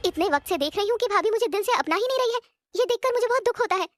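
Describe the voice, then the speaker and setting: A woman's voice: extremely high pitch, expressive, rapid-fire, voice pushed up. A woman voicing a humble, kind-hearted young woman who serves her family without complaint. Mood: hurt. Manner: pleading, hurt.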